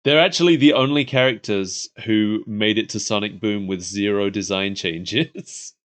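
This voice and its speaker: Here a man with a somewhat low voice, talking a little slowly, co-hosts a podcast. He casually reviews cartoons, sounding like an eager fan.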